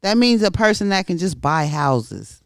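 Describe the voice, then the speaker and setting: Higher-pitched man, upbeat interviewer, teasing, dry close sound. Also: very animated, moderate pace, gravelly, no room sound. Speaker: podcast co-host asking questions. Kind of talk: casual podcast chat.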